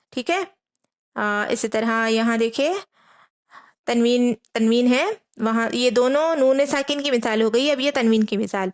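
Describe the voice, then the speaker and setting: A woman with a fairly high voice teaches a Quran reading lesson, patiently repeating each rule and spelling out letters slowly. She often asks her students questions, many of them rhetorical.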